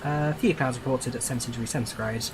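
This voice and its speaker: Airline captain, played by a man, polite passenger cabin announcement, mid-pitched, noisy aircraft ambience. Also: fast, natural voice. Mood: courteous, informative. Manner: polite, formal scripted phrasing. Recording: steady background noise, cabin ambience.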